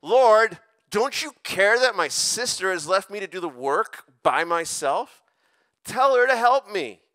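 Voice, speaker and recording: A man's voice: high voice, animated, rapid-fire, fairly bright tone, voice pushed up. A man putting on a whiny, flustered woman host. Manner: whiny, pleading. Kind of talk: sermon, acting out scripture.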